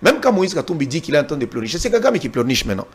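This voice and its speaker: A Congolese man, a guest in a political interview, argues heatedly, repeating words when pushed and quoting the Bible. His fairly high voice is sing-song and breathy, and he speaks very fast.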